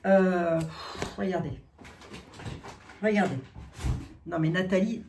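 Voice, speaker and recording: A chatty middle-aged woman hosts a casual unboxing for her viewers. She thinks aloud as she goes, repeating words and filling pauses. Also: lowish voice, fairly even intonation, creaky, warm tone, slight background noise. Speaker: psychic channel host opening gifts.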